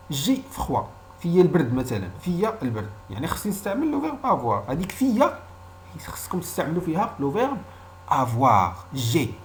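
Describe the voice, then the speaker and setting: A native Arabic speaker with a Moroccan accent leads a casual language class in a voice on the high side. His teaching is didactic, and he repeats example phrases as he goes. There is slight background noise.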